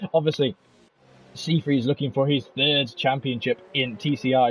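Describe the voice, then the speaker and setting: A man commentating on an online sim race, fast and animated, with chatty asides between calls. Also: mid-range voice, a little hiss or hum, rough recording.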